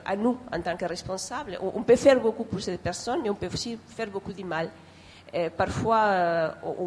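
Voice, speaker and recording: A woman with a mid-range, slightly mellow voice and a foreign accent, not a native French speaker, makes spontaneous remarks at a public discussion. She speaks earnestly and hesitantly, repeating phrases while searching for words, with a little hiss or hum audible.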